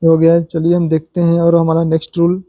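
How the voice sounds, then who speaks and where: A man teaching English pronunciation in a spoken lesson, stepping through numbered rules and repeating example words slowly. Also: a little high, completely flat delivery, warm tone, no echo.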